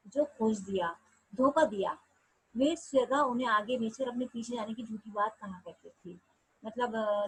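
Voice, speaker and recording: A woman's voice: fairly high pitch, slightly rough, low-quality recording. A woman teacher reading a textbook story aloud and retelling each part in simpler words for her students. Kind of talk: reading and explaining a textbook chapter.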